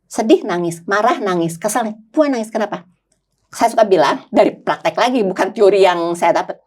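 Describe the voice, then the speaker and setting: A woman's voice: medium pitch, expressive, a little fast, darkish tone. An older woman who works as a psychologist, talking in a podcast conversation and telling stories animatedly, acting out her clients' voices.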